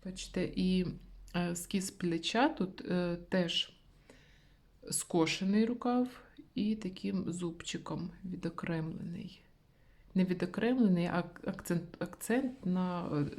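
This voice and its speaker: A woman hosting a knitting channel, reviewing a magazine in a soft, often whispered way, pausing with fillers. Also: lowish voice.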